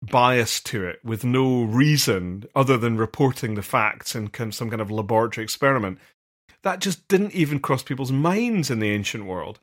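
An earnest man talks through ideas at length in a casual podcast discussion. His voice sits at an ordinary middle pitch. He halts, restarts and fills gaps as he thinks aloud. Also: lively intonation, normal speed. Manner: earnest, explains at length with many fillers and restarts. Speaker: podcast co-host, vicar.

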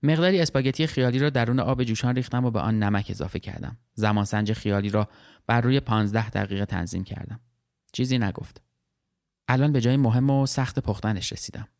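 A man reading a literary short story aloud as narrator, in a calm, measured, reflective way. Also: medium pitch, gravelly.

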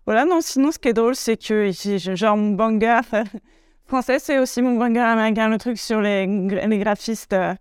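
A woman's voice: fairly high pitch, a little fast, clean tone, no room sound, clean studio sound. A woman hosting her podcast in a casual, chatty monologue, full of fillers and little laughs. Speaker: podcast host.

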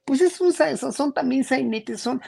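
A man's voice: extremely high pitch, moderate pace, creaky, dark tone. A Mexican man on a panel, talking in an indignant, rambling way with many restarts. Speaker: regular panelist. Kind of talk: animated panel commentary.

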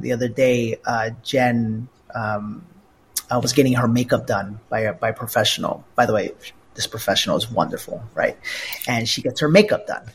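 Husky-voiced man telling relationship stories. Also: medium pitch. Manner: animated, repeats words while telling anecdotes. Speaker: life coach guest. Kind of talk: conversational interview storytelling.

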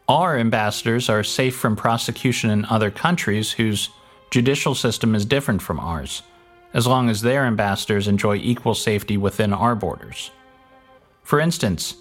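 A man hosting a podcast, reading scripted narration in a dry, wry way with casual swearing. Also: mid-range voice. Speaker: podcast host. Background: faint music.

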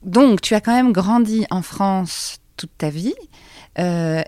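A woman reporter asking brisk, probing questions and narrating a news report. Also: mid-range voice, dark tone, no echo. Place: school in Paris.

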